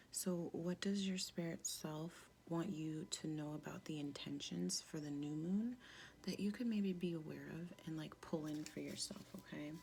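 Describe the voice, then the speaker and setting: A woman with a low, sultry, smoky voice full of gravelly fry reads tarot softly and casually. She pauses often and keeps her wording informal. There is noticeable noise behind her voice. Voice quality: deep, sultry, husky smoker's voice. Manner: halting, informal, with pauses and frequent "like". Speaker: tarot card reader. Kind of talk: casual spiritual tarot reading, soft-spoken.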